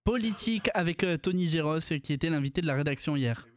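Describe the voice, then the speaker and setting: A man's voice: on the high side, lively intonation, fast. A man hosting a radio news programme, introducing headlines and handing over to a colleague.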